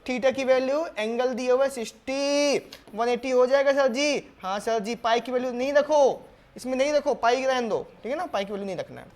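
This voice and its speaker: A man with a notably high voice teaches a maths lesson, working through a problem step by step. He keeps putting questions to his students and answering them himself. When he reads out the English question, he slows to a careful word-by-word pace. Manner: calls students "beta", coaxing and patient. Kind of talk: board exam lesson, solving problems step by step.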